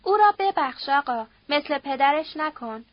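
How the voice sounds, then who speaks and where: A woman's voice: sits high, expressive, no room sound. A woman voicing a frightened, humble mother begging for mercy in a story reading, recorded dry and dull. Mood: pleading desperate. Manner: pleading, submissive, tearful.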